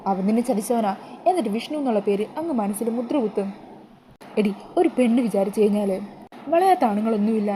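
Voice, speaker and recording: A woman's voice: fairly high pitch, animated, fast, warm tone, slight background noise, lightly acted, poor audio. A woman voicing a scheming, blunt female friend who lectures and pushes. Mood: lecturing.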